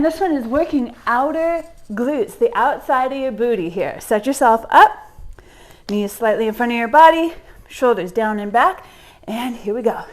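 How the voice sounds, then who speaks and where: A young woman leading a home workout, giving encouraging cues while exercising along, getting out of breath at times. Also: fairly high pitch. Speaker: fitness instructor.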